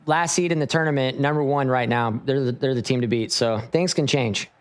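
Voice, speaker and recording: A man's voice: mid-range voice, fairly quick. A man commentating an online esports tournament in an easygoing, rambling, playful way.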